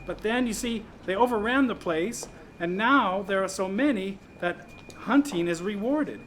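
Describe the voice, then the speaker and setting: A man's voice: high voice, a little slow, fairly bright tone, a little hiss or hum. An actor playing a man who muses about swamp animals and old mysteries. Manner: explanatory, musing.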